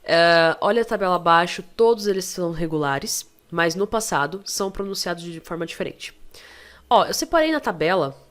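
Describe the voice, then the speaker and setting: Teaching English online over a shared screen, a Brazilian woman with a low voice and a Brazilian Portuguese accent stays chatty and encouraging, checking in often with quick questions. She sounds relaxed and plain, the way a teacher talks to her own students.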